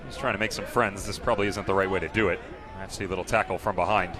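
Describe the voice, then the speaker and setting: Lowish-voiced man giving conversational soccer analysis. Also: fairly even intonation, quick pace, music in the background, a crowd in the background. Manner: conversational, with rhetorical questions. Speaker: color analyst. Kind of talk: live soccer analysis commentary.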